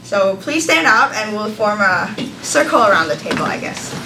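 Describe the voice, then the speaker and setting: Leading a live beginner English class, a young volunteer teacher from Hong Kong who speaks Cantonese natively sounds very animated at a normal speed. Her mid pitch is punctuated by frequent ums and soft laughs as she hesitates. She is far from the mic in a noisy, echoing classroom.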